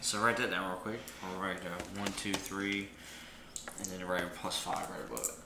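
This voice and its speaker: A man's voice: low-pitched, level tone, normal speed. A man narrating as game master at a tabletop game, easygoing and often laughing. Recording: echoey room with background noise.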